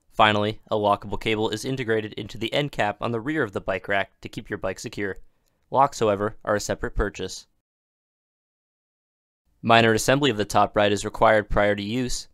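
A man with a lowish voice narrates a product installation video from a script, keeping an even tone and steady instructional delivery. The recording is dry and studio quality.

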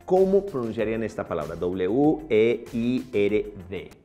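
A man teaching English pronunciation, repeating each word slowly in drills. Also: lowish voice, very animated, mellow, muffled recording, soft background music. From Colombia. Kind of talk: pronunciation lesson.

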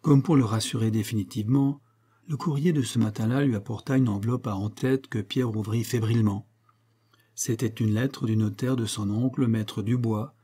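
Mellow husky male audiobook narrator. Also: medium pitch. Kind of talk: scripted narration of a detective story.

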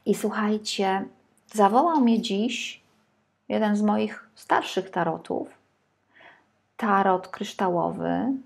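A woman's voice: medium pitch, takes it slowly, creaky, pauses often, slightly rough. A woman reading tarot for her viewers in a chatty, casual way, sometimes dropping to a whisper while she lays out the cards. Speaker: tarot reader.

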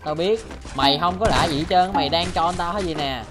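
Young man, Southern Vietnamese accent, indignant accusing retorts, rapid talk, loud game music behind. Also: on the high side. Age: young adult. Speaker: gaming YouTuber. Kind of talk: heated in-game voice chat argument.

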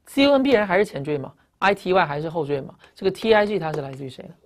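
A woman's voice: fairly low pitch, very animated, very fast. A woman with Chinese as her first language teaching English vocabulary in a recorded lecture, emphatic, asking rhetorical questions and spelling out word roots.

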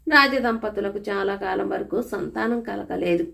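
A woman's voice: medium pitch, a little slow, gravelly, sharp tone. Woman narrating a folk tale. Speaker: storyteller. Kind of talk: scripted story narration.

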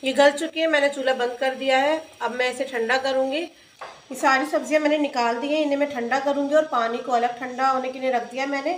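A woman's voice: sits high, steady tone, quick pace, echoey room, a little hiss or hum. A woman hosting a cooking channel, narrating a home recipe step by step as she works in her kitchen. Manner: plain, explains each step as she works.

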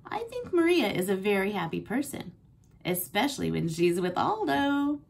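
A woman teacher reads a chapter book aloud with expressive storytelling. Her voice is husky and gravelly, at a middle pitch for a woman. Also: normal speed. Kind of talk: classroom read-aloud.

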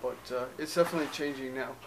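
A young man with a medium-pitched, steady voice talks fast in a casual vlog, rambling loosely with many fillers. He speaks into a handheld camera at arm's length while walking around a small cluttered spare bedroom, with background noise present.

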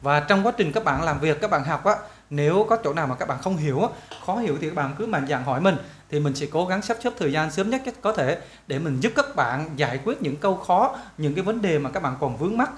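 A man teaching English to schoolchildren in a casual, chatty walkthrough, often repeating phrases and spelling out English questions slowly; his first language is Vietnamese. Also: fairly high pitch, lively intonation.

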